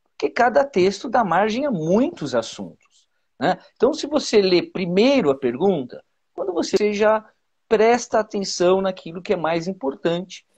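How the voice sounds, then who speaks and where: Husky-voiced Brazilian male teacher, halting. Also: high voice, darkish tone. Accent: Brazilian Portuguese. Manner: halting, many repeated words and fillers. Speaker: teacher, guest. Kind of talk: casual explanatory advice.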